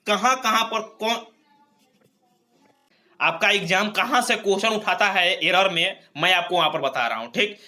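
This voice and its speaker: A man with a high, very bright and piercing voice runs an exam-prep grammar lesson. He drills each rule and checks in with his students after almost every point. His delivery is explanatory and repetitive. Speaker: English grammar teacher. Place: recorded lesson video.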